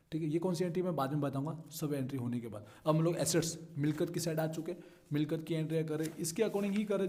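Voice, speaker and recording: A man's voice: fairly high pitch, dark tone. A man, teaching an accounting solution step by step and checking in with his students. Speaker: commerce tutor.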